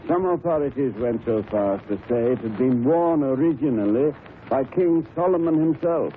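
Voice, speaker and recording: A man's voice: medium pitch, animated, normal speed, lightly acted. A tinny 1930s radio drama recording with faint noise. A man plays a genial old English doctor, an avuncular storyteller who chats and savors his reminiscences. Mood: ominous reminiscence. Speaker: storyteller narrator.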